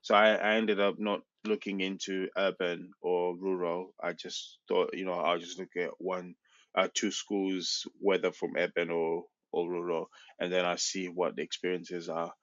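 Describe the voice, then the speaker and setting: A man's voice: deep voice, flat delivery, normal speed, fairly bright tone, dry recording. A young man, a researcher being interviewed on a podcast, explaining his work in a hesitant way with many restarts. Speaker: PhD researcher guest. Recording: dull, dry sound.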